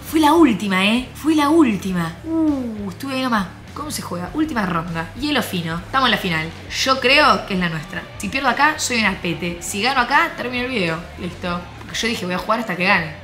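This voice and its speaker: A young woman with an Argentine accent talks through her game as she plays. Her voice is bright and crisp, at a middle pitch. She mostly mutters low to herself, then bursts out in high shrieks. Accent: Argentine Spanish. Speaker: gaming YouTuber. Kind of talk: live gameplay commentary.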